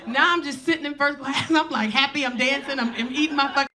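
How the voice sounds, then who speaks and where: A woman in her forties doing stand-up, telling a story in a brash, profane, animated way on a comedy club stage. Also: high-pitched, fast. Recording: live audience laughter.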